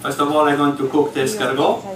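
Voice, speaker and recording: An executive chef runs through a live stage cooking demonstration step by step in a large ship's hall, speaking slightly broken English to the audience. His voice is a little high, monotone, and quick, and a crowd can be heard behind him. The hall echoes, and the recording is made from far off.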